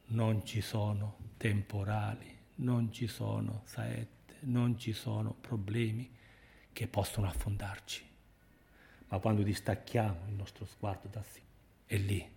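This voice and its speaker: Slow, low-voiced Italian-speaking preacher. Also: male voice, creaky. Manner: slow, emphatic preaching, dropping to near-whispers then rising loud on repeated phrases. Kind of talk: sermon.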